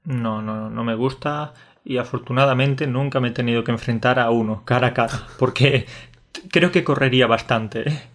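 A man's voice: medium pitch, steady tone, normal speed. Jokey man with an Andalusian accent. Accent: Andalusian Spanish. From Andalusia, Spain. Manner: jokey, laughs often, explains patiently. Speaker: podcast co-host. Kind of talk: casual podcast chat.

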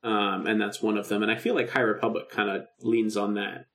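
A podcast co-host chats casually about a film radio drama, acting out snippets of dialogue in an informal, animated way. His voice is lowish and a bit bright, with fairly even intonation and a brisk pace.

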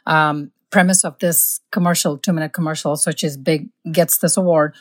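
Speaking low and steady at a moderate pace, a woman physician who was born in India and grew up in the US tells indignant, emphatic anecdotes about her workplace as a guest in casual conversation.

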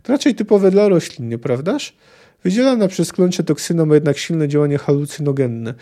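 A calm, learned alchemist explains things in refined, precise wording, read aloud by a man. The voice sits a little high, with a soft, dark tone. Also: normal speed, close to an everyday voice. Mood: calm, lecturing. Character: urbane learned male alchemist.

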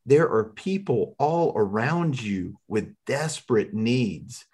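A man's voice: medium pitch, lively intonation, takes it slowly, a little mellow, husky. A man telling a healing testimony in an earnest, conversational way, often repeating words as he starts. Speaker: minister sharing a testimony.

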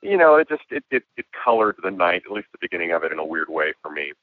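A man with a hoarse voice, a guest musician and filmmaker talking reflectively in a casual interview. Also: deep voice, very animated, fast talker, no echo. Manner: reflective, with frequent restarts and laughs. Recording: tinny phone-like line.

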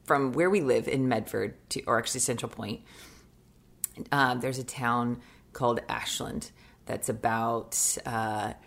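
Very low-voiced woman co-hosting a podcast. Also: measured pace, gravelly. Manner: chatty, laughing often, many fillers. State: groggy morning voice. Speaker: podcast co-host. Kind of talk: casual chat.

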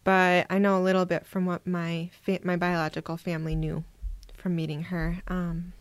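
A woman from Minnesota, a guest on an interview podcast, telling her personal story in a reflective, soft-spoken way. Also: on the low side, flat delivery, normal speed, dry recording. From Minnesota, USA. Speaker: guest adoptee.

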